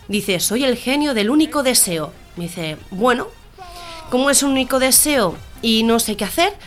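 Animated woman telling jokes. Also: medium pitch. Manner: animated storyteller, voices the characters in her jokes. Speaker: radio comedy co-host. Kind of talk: casual joke telling.

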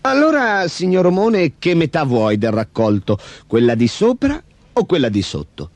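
A man voicing a farmer's wife in a storybook, calm, clever and coaxing, in a raised voice. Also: on the high side, moderate pace, no echo, pitched above the performer's own voice.

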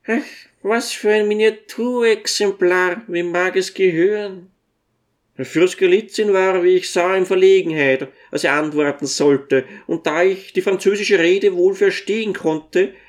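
A tiny old dwarf, humble and devoted, recounting his memories with quiet courtesy , voiced by an audiobook reader. His speech is gentle and deferential, at a middling pitch. It is unhurried, storybook-style narration. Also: natural voice. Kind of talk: audiobook character reading.

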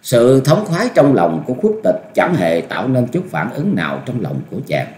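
A man's voice: mid-range voice, normal speed. Man reading a martial arts story aloud. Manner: expressive, dramatic reading. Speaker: audiobook narrator. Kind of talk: storytelling narration. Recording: echoey room.

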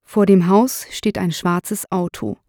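Brief: female narrator, measured scripted reading, dry studio. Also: lowish voice, fairly even intonation, mellow, dry recording. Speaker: audiobook narrator.

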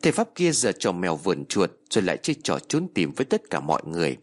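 Brief: husky man reading a ghost story, lively intonation, soft music under. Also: low-pitched, fast talker. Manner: dramatic, expressive storytelling. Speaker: narrator. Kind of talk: scripted horror story narration.

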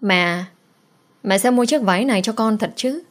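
A woman's voice: medium pitch, moderate pace, lightly acted. A woman voicing a sad young girl who pleads tearfully with her mother. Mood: pleading.

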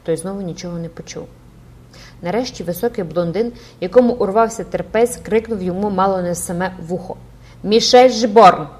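A woman reading a classic novel aloud in a measured, expressive audiobook narration. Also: on the low side.

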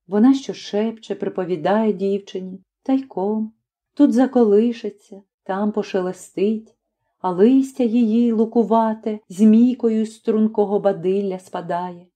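Woman, audiobook narrator, literary story reading, measured, expressive, slow pace, mellow voice. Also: mid-range voice.

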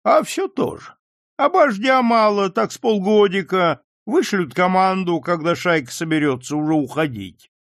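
Dry, mocking young son, pitched higher than the narration, voiced by a male reader. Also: lively intonation, normal speed, a bit bright, no room sound. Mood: grim. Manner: dry, mocking, serious-faced. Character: sardonic young nobleman son, grim and sharp-tongued.

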